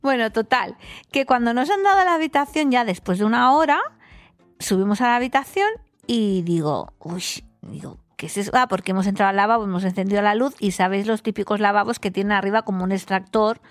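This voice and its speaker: Woman podcast host, chatty storyteller, mid pitch, dry close sound. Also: a little fast, dry recording, soft background music. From Spain. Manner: chatty, acts out dialogue with laughs. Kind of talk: casual travel storytelling.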